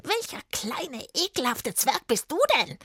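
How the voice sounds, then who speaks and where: Cruel storybook witch, smoky and croaking, high and shrill, put on by a woman reading aloud. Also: sing-song, a little slow, sharp tone, no echo, studio quality, exaggerated voice. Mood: scornful.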